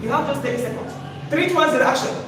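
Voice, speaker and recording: A man's voice: very high voice, racing, crowd noise. A man coaching public speaking in a live workshop, demonstrating points and quizzing the audience. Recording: echoey room, far from mic, noisy.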